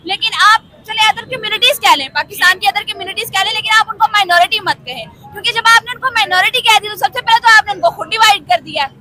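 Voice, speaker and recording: A woman's voice: extremely high pitch, quick pace, few pauses, sharp tone, a faint crowd. A young woman with a Pakistani accent, a student answering a street interview in an assertive, insistent, lecturing manner.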